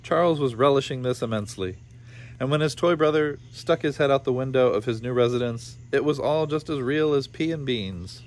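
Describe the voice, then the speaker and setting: With a medium-pitched, slightly mellow voice, a man reads a children's story fairly quickly and playfully, tossing in informal asides. Background noise sits clearly behind his voice.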